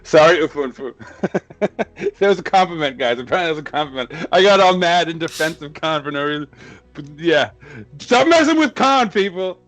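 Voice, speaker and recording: Animated podcast host, laughs often. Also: male voice, fairly high pitch, brisk. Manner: animated, laughs often, swearing, many fillers. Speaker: podcast host and English teacher. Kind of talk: casual podcast chat.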